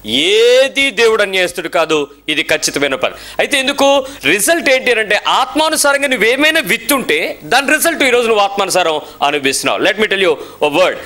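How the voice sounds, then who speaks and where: A man preaching a lively sermon in church, firing rhetorical questions at his listeners and slipping English phrases into his speech. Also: high-pitched, brisk. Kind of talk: sermon to a congregation.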